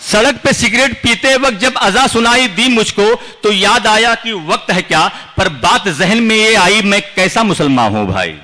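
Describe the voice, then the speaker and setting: A man from India recites humorous and serious poems he wrote, declaiming at a big outdoor poetry gathering and repeating lines for effect. He speaks in a high, animated voice, pushed and bright, at normal speed with few pauses.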